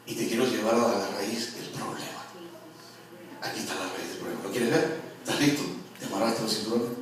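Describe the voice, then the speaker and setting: A man preaching a sermon in a church hall, lively and joking as he quizzes the congregation. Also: on the low side, brisk. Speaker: pastor. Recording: very echoey hall, from far off.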